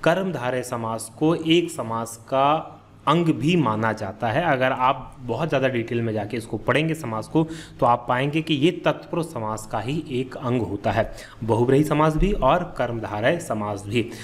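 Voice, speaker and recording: A man's voice: mid-range voice, unhurried. A man teaching a grammar lesson for exam preparation, patiently repeating key terms and asking and answering his own questions. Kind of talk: exam-prep lesson explaining quiz answers.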